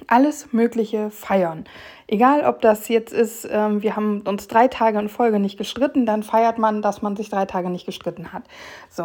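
Mellow and medium-pitched, this young woman's voice carries her own casual solo podcast. She rambles as she chats, full of fillers and restarts.

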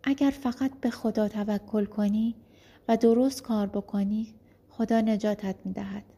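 A woman's voice: medium pitch, fairly even intonation, dark tone, husky. A woman voicing a frightened young wife who anxiously pleads with her husband. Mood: pleading.

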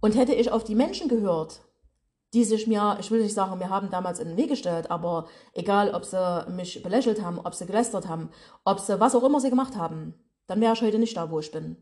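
A woman's voice: mid-range voice, mellow. A woman with a regional German dialect, a business and mindset coach giving a motivational podcast monologue from her office. She talks in a colloquial, direct way and speaks straight to her listeners.

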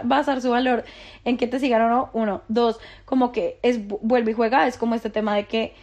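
A woman's voice: a little high, darkish tone. A young woman, hosting her own podcast in a rambling, profane monologue full of filler words. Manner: rambling, profane, heavy use of filler "como". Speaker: podcast host.

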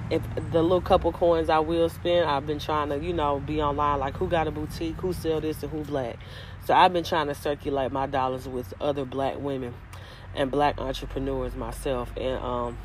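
A woman's voice: low-pitched, low-quality recording. Woman vlogger, casual chat, opinionated and profane, filler-heavy, faint background noise. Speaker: vlogger and small business owner.

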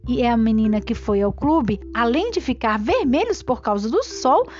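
A woman reading a story aloud to young children in an expressive, careful storytelling manner, addressing them affectionately. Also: a little high, dull audio. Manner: animated, slow and careful, addressing children affectionately as little friends. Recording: music bed behind the voice. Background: background music.

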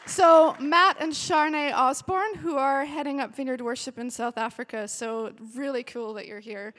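Speaking at normal speed in a high voice, a woman in her forties who leads worship gives a church retreat a warm, emotional, chatty welcome, with cheering bursts. The big hall holds a live audience and adds long reverb.

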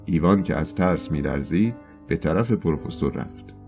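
A man reading a novel aloud in measured, scripted audiobook narration. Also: extremely low pitch, lively intonation, gravelly, warm tone, faint music behind.

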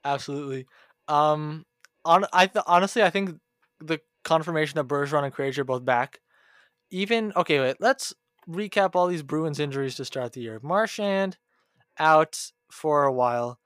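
Male podcast co-host, casual hockey talk, slightly higher pitch, dry clean recording. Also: moderate pace, no echo. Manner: animated, mimics fans in a whiny voice. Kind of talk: casual sports chat.

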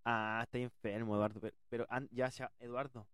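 A man voicing a frantic middle-aged mother who is shrill and urgent. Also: little pitch movement, fairly quick, a bit bright, clear, resonant tone, no room sound, clean studio sound, close to an everyday voice. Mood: exasperated. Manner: high-pitched, urgent.

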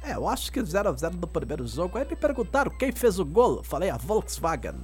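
A man's voice: high-pitched, big pitch swings, quick pace. A man with a southern Brazilian accent clowning playfully in comic radio banter. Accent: southern Brazilian, Rio Grande do Sul. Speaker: radio show regular. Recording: music bed behind the voice.

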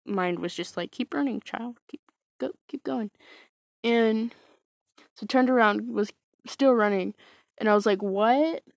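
A woman's voice: medium pitch, no room sound, studio quality. A woman casually telling a personal story, hesitant and wry, full of fillers and restarts. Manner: wry, self-mocking.

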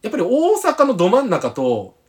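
A man's voice: high-pitched, wildly swooping pitch, brisk. Playful man with a Kansai accent. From Hyogo, Kansai, Japan. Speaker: podcast host. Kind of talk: casual podcast chat.

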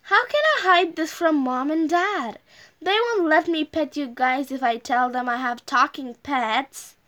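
A woman's voice: high voice, a little slow. A woman voicing a young schoolgirl who keeps her pets' secret in a children's story. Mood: worried. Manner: soft, hushed. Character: worried young schoolgirl, pet owner.

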